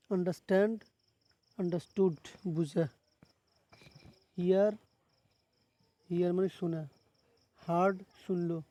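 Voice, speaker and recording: A man's voice: high-pitched, warm tone, no echo. A man with a Bangladeshi accent teaching a lesson, repeating each word and explaining its meaning plainly. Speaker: English teacher. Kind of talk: classroom lesson on verb forms.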